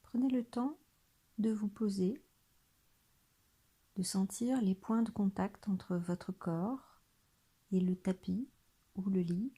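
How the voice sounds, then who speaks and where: Guiding a body scan meditation, this mid-range female voice stays soft, breathy and nearly whispered. The delivery is soothing and gentle, with long silences between phrases.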